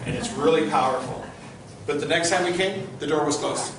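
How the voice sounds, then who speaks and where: A man's voice: a little high, brisk. A middle-aged man giving an informal guided tour, telling stories to a group in a conversational way and putting questions to his listeners. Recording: distant, very echoey, noisy group-tour recording.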